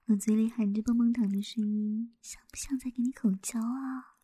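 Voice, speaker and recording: A young woman in an intimate whispered roleplay, soft, teasing and coaxing, with a breathy voice. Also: fairly high pitch, little pitch movement, brisk, no echo.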